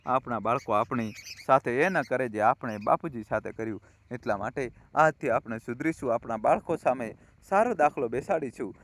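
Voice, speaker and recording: A man's voice: medium pitch, expressive, moderate pace. A man voicing a repentant young husband who speaks earnestly to his wife. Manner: earnest, remorseful.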